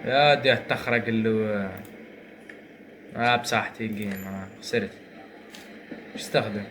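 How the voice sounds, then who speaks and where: A young man with an Algerian Arabic accent, commentating his own gameplay. He grumbles to himself and then bursts into excited shouts. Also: lowish voice, moderate pace, a little hiss or hum. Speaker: gaming streamer.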